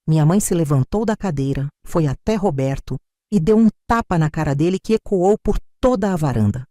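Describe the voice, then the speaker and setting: A woman narrating a dramatic family story in the first person, raising her voice for the characters' shouted lines. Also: low voice, expressive, fairly quick, no echo, studio quality.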